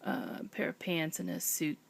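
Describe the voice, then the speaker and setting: A woman whispering softly at home late at night as she shows off a craft project, with frequent ums and pauses. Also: sits low, lively intonation, creaky. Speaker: crafting vlogger. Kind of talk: casual show-and-tell.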